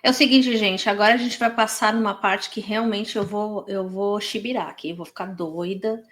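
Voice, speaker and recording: A woman's voice: mid-range voice, steady tone, moderate pace, a bit bright. A Brazilian woman with a Brazilian Portuguese accent hosting a reaction channel, commenting on a podcast clip in an indignant, heated way with many restarts and fillers.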